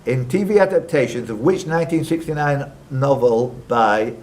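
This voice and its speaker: A man with a mid-range, darkish voice reads quiz questions at normal speed and banters with the contestants between rounds. He is hosting a live quiz in a club room, and the room's ambient noise comes through in the live recording.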